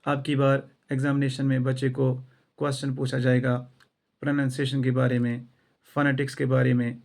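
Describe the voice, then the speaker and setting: Earnest male teacher with a gravelly voice. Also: medium pitch, monotone, moderate pace, darkish tone. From India. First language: not English; self-taught English. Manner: earnest, repetitive rhetorical build-ups. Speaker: school English teacher. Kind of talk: motivational talk to students and teachers.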